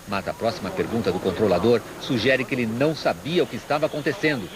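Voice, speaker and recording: A man's voice: mid-range voice, quick pace, a crowd in the background. A Brazilian man narrating a scripted, explanatory news report. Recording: clear buzzing radio noise.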